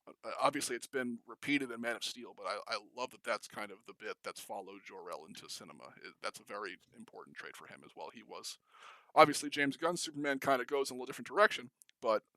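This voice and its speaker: A young man rambles eagerly through a casual film chat on a podcast, full of "um"s and restarts. His voice is bright and forward, recorded dry and close with little room sound. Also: mid-range voice, fast talker, no echo. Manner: rambling, enthusiastic, many fillers and restarts. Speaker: podcast co-host.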